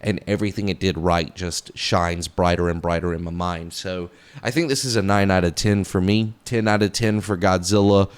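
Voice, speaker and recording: A man's voice: low voice, steady tone, normal speed, hardly any pauses, clear, resonant tone. A man giving a casual, rambling movie review, full of fillers and restarts, enthusiastic and a little profane.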